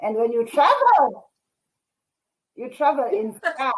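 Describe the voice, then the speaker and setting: A fairly high-voiced South African woman hosting a casual live interview. She chats easily, reads comments from viewers and jokes along with her guest. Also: very animated, unhurried, poor audio. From KwaZulu-Natal, South Africa. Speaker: host.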